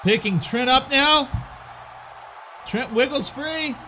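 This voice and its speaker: A man calling a pro wrestling match as an excited play-by-play commentator, dramatic and exclamatory, often throwing out rhetorical questions. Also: extremely high pitch, slow, a little hiss or hum.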